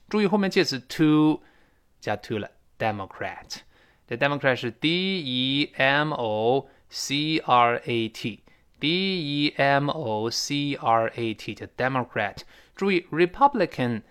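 A native Chinese-speaking man teaching an English lesson, explaining phrases, spelling words letter by letter and modeling sentences slowly. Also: fairly high pitch, a bit bright.

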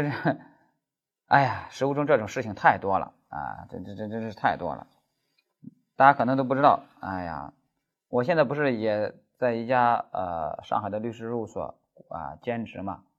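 A man's voice: mid-range voice, highs cut off. A man giving an exam-prep law lecture as a lecturer, telling stories animatedly with stammered repeats.

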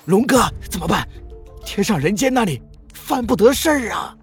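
A man voicing a vicious, sneering young male thug in an audio novel, with a husky, jeering voice. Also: wildly swooping pitch, slow pace, bright, forceful tone, faint music behind, full character voice. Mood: anxious. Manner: shrill, jeering.

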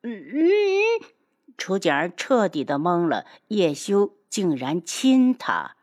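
A woman narrating a novel aloud in an expressive storytelling manner. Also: on the low side, takes it slowly. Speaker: audiobook narrator.

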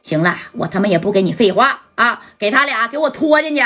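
A woman's voice: on the high side, lively intonation, quick pace, fairly bright tone. A woman voicing an arrogant male gang boss who taunts and threatens. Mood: menacing. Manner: taunting, bullying.

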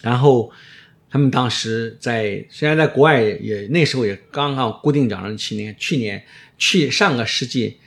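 A man's voice: mid-range voice, moderate pace, creaky, fairly bright tone. A middle-aged man, an orthodontist being interviewed, explaining casually and emphatically, often repeating his phrases. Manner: emphatic, repeats phrases, drops in English words.

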